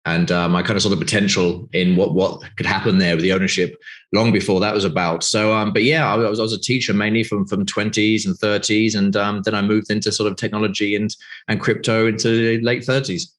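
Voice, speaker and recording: A British man in his forties, CEO of a game studio, answers interview questions over a video call. His voice is lowish and fairly bright, delivered briskly and flatly. He rambles loosely, with lots of fillers and restarts.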